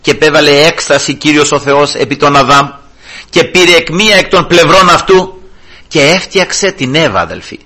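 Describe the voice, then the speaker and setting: A middle-aged man preaching a sermon, firing rhetorical questions and swinging between loud emphatic lines and hushed asides. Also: fairly high pitch, expressive.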